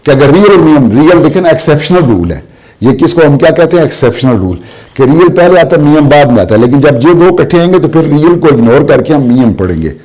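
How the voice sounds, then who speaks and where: Man teaching slowly, step by step. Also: fairly high pitch, sing-song, darkish tone. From Pakistan. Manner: explains slowly, asks questions and answers them himself. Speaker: language teacher. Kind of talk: classroom lesson.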